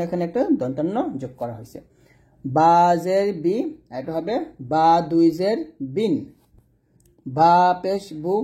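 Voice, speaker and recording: Mellow-voiced man teaching recitation. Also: on the high side. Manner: patient, drills syllables slowly and repeats them. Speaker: Quran reading teacher. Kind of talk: pronunciation lesson.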